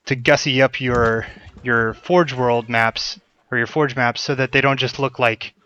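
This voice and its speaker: A man's voice: mid-range voice, steady tone, measured pace, sharp tone, clean tone, no room sound, muffled recording. A man hosting a podcast in casual chat over a call, enthusiastic and rambling, swearing freely. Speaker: podcast host. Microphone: desk mic on a call.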